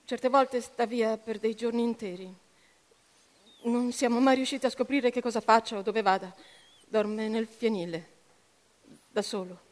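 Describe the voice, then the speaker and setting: A hoarse, worn-out farm parent, read by a woman in a storybook reading, talking with strain. A long hall reverb trails the voice. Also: fairly high pitch, steady tone, measured pace, pauses often, close to an everyday voice. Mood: weary.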